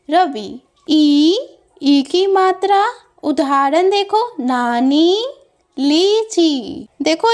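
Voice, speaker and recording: Lady teacher, really high voice, slow and patient, stretches the example words out. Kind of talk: Hindi grammar lesson for children.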